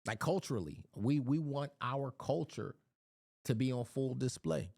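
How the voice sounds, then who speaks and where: A man's voice: mid-range voice, unhurried, creaky, darkish tone, dry recording, clean studio sound. A man from Philadelphia giving a casual Bible teaching, often repeating words as he searches for his phrasing.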